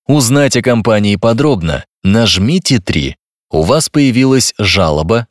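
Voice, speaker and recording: A man reading a recorded phone menu in a measured, formal announcer manner. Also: fairly low pitch, no echo, studio quality.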